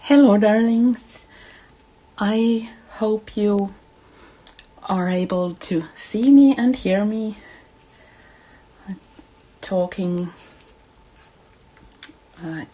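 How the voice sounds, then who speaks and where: A middle-aged woman with a Finnish accent hosting a casual craft tutorial, speaking in a gentle, halting way. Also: mid-range voice, rough recording. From Finland. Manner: gentle, hesitant, halting delivery with affectionate address to viewers. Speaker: craft livestream host.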